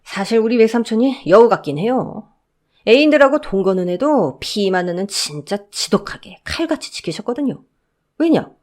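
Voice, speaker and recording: A woman's voice: on the high side, expressive, normal speed, a little mellow, lightly acted. A woman voicing a blunt male security guard who mocks and drawls. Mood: mocking.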